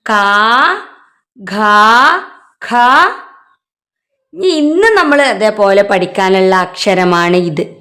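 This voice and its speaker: Woman teacher, Malayali accent, slow, raised-pitch alphabet lesson voice, asks and answers herself. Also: a bit bright. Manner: asks then answers herself, drawn-out syllables. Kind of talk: letter lesson for children.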